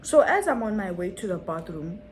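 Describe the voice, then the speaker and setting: A woman's voice: medium pitch, very animated, normal speed, slight background noise, rough recording. A young woman telling a dramatic story on her vlog, full of rhetorical questions and repetition. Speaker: vlogger.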